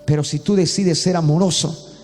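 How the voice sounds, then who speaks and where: A man's voice: on the high side, steady tone, normal speed, a little mellow, big-room sound, faint music behind. A man from Bolivia preaching a sermon as a pastor, talking earnestly and repeating himself with many restarts.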